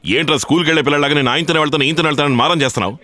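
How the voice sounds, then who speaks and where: A man's voice: on the high side, pushed and bright, no room sound. An actor dubbing an earnest young male constable who reasons with his superior. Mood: exasperated. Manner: brisk, reasoning, exasperated. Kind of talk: dubbed film comedy.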